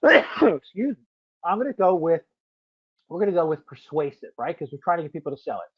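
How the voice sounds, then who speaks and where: A man's voice: fairly high pitch, sing-song, fairly quick, slightly rough. A man leading a live webinar product demo in a chatty way, often tagging his points with "right?" and answering viewers by name. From United States. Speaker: software demo presenter. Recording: muffled lo-fi audio.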